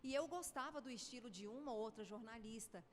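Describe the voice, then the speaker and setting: A woman hosting a podcast, a former journalist, affirming her guest in a measured, conversational way. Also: on the high side, long reverb tail.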